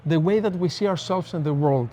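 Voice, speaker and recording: There is slight background noise as a man with a fairly high, dark-toned voice talks a little fast. As a neuroscientist guest with a Greek accent on a casual podcast, he reflects earnestly and explains through examples.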